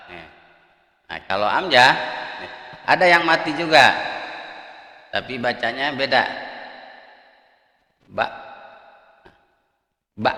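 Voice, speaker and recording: A man with an Indonesian accent leads a Quran recitation lesson, breaking each syllable apart slowly and chanting the examples. His voice is bright and carries, with a long echo from the hall around him. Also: mid-range voice. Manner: slow, patient, sounds out syllables one by one and chants examples. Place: religious gathering hall. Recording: echoey hall.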